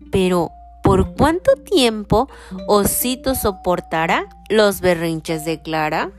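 A woman reading a children's audio storybook aloud in a slow, expressive way. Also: medium pitch.

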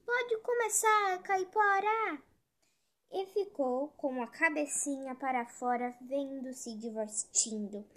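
A woman reading a folk tale aloud in a slow, simple storytelling way. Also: sits high, a little mellow.

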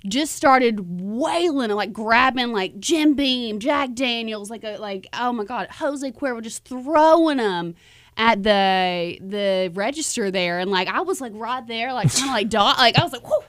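A woman's voice: a little high, expressive, unhurried, no room sound, clean studio sound. A woman co-hosting a podcast, telling a casual, rambling story full of fillers. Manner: rambling, filler-heavy, laughs often. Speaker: podcast co-host.

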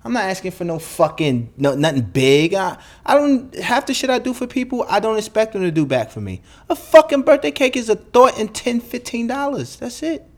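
A man's voice: high voice, expressive, moderate pace, few pauses. Blunt New man ranting. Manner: profane, blunt, heated ranting. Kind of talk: solo podcast monologue.

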